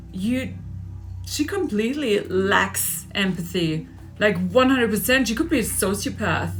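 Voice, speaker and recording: A woman's voice: medium pitch, a bit bright. A woman in her forties ranting in a personal vlog, agitated and repeating herself for emphasis. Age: 40s. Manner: agitated, venting, repetitive emphasis. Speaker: vlogger. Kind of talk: emotional personal vlog rant.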